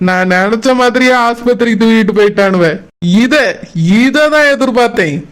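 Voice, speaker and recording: A man's voice: very high-pitched, normal speed, clean tone. A man voicing a scheming middle-aged village father who drinks, with a Kanyakumari Tamil accent.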